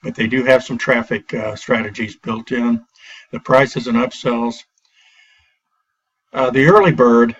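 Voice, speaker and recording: A man's voice: medium pitch, a bit bright, slightly rough. Man on a dull, distant laptop mic. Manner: hesitant, frequent "uh" fillers and restarts. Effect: recorded through a built-in laptop computer mic. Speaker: product reviewer. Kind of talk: casual product review. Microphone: built-in computer microphone.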